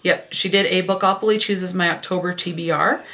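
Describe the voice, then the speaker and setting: A woman's voice: fairly low pitch, fairly even intonation, a little fast, fairly bright tone. A woman hosting a casual book vlog, chatting and reading book synopses aloud, with small stumbles and self-corrections. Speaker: book vlogger.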